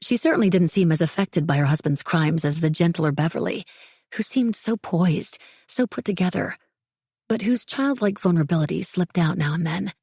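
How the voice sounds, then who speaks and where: A woman reading a thriller audiobook in a measured, even narration. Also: lowish voice, slightly rough, no room sound, studio quality.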